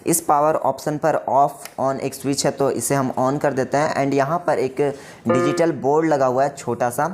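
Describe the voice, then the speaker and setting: Man, casual keyboard demo, explanatory, medium pitch, soft keyboard tones behind. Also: steady tone, a little slow, soft background music. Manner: explanatory, often checks in with the viewer. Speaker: music shop staff demonstrating a keyboard. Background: faint keyboard tones.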